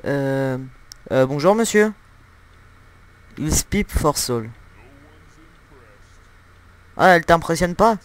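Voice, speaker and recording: A man's voice: on the high side, lively intonation, slow, pauses often, smooth. A young man giving joking, crude let's-play commentary at home, with lots of fillers and laughter into a desktop mic. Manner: joking, giggly, crude humor, many fillers. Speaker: gameplay commentator.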